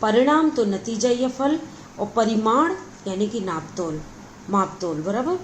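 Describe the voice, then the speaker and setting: A woman's voice: fairly high pitch, lively intonation, measured pace, a little hiss or hum, low-quality recording. A woman teaching a grammar lesson, explaining each point patiently and checking in with her listeners again and again. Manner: patient, repeats words and adds frequent check-ins.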